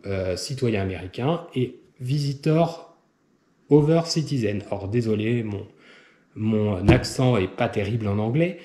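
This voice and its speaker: Man, casual travel vlogger, mellow tone, hesitant, echoey room. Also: medium pitch. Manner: hesitant, many filler sounds, step-by-step advice. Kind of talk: casual explanatory travel guide. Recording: roomy echo.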